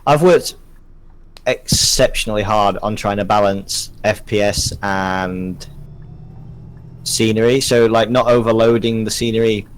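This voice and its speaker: Male guest on a game stream, lowish voice, dry self-deprecating banter, casual chat. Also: a little slow, clean tone, rough recording. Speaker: map creator for the game.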